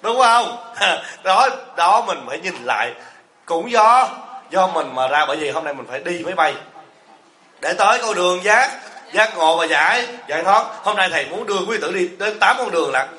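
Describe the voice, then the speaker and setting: A man's voice: sits high, lively intonation, normal speed, pushed and bright, a little hiss or hum. A man giving a humorous sermon as a Buddhist monk teacher, asking the audience rhetorical questions and joking with them. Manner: asks the audience rhetorical questions, jokes and teases. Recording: echoey hall.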